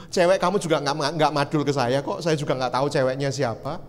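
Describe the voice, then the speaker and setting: Young east javanese guy preaching to youth, kinda high voice, acts out the dialogue, big hall echo. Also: moderate pace. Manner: animated storytelling, acts out dialogue, teasing rhetorical questions. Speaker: youth pastor. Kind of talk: sermon. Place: church hall. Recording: long hall reverb.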